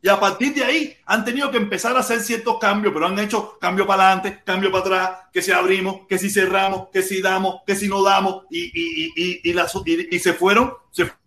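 A man's voice: high-pitched, little pitch movement, brisk, few pauses, bright, forceful tone, reverberant. A Cuban man hosting a casual podcast chat, emphatic and repetitive, often talking over others. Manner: emphatic, repeats phrases, talks over others. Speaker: podcast host.

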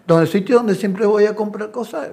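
A middle-aged assistant coach and video analyst tells anecdotes in a casual interview, his voice high, gravelly, and moderately paced. He's an animated storyteller who acts out the voices of the people he quotes.

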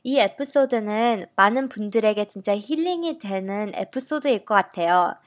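A woman with a Korean American accent, speaking as a podcast host in a slightly halting way. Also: mid-range voice, lively intonation. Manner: halting, self-conscious Korean mixed with English. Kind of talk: podcast introduction and interview.

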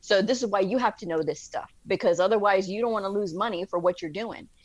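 A woman guest in a casual interview, telling lively stories, acting out quotes and laughing often. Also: medium pitch, quick pace, no room sound. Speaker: podcast guest.

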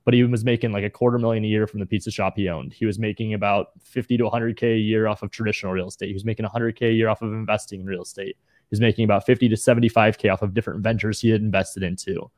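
A man in his twenties telling his story as a podcast guest in a relaxed, slangy way. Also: lowish voice, racing, no echo, clean studio sound. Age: 20s. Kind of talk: casual interview.

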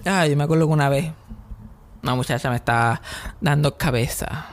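A young man with a Puerto Rican accent, hosting a podcast and telling comedic stories in a casual, animated way, mixing in English words. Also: a little high, brisk. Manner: animated, mixes in English words, acts out scenes. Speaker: podcast host.

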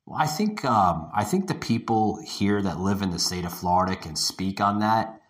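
Deep-voiced man talking in an echoing room. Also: lively intonation, moderate pace. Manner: rambling, repeats himself, swears casually. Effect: echoing room sound. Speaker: podcast host. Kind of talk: casual ranting podcast monologue. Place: echoey room not normally used for podcasting. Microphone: home podcast setup over internet connection.

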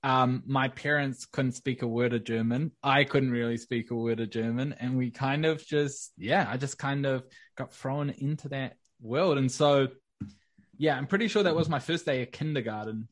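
A young man from New Zealand with a New Zealand accent, chatting casually as a podcast guest in a relaxed, rambling way. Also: mid-range voice, normal speed, dry recording. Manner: relaxed, rambling with many fillers. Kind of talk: casual interview.

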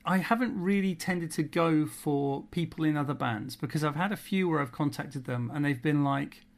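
A man's voice: fairly high pitch, normal speed, gravelly. A man, a podcast host chatting casually and rambling, laughing often as he talks.

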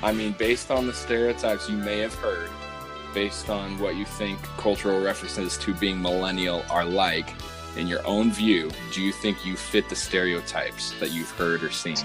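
A man's voice: sits low, fairly even intonation, moderate pace, music in the background. An American man from the West Coast hosting a podcast in a casual, joking, conversational style. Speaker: podcast host. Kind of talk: casual joking interview chat.

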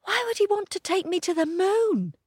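A tiny, excitable little watchdog with a very high, squeaky, breathless voice. She rushes and repeats herself in a springy, animated sing-song. The storybook sound is close and dry. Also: no room sound. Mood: anxious, excited. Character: small excitable young female watchdog.

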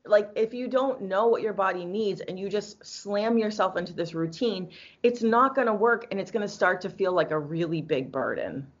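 A woman's voice: medium pitch, moderate pace, dull audio. A woman co-hosting as an energy healer, chatting casually and emphatically, often answering her own questions. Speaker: podcast co-host and energy healer. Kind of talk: casual conversational advice.

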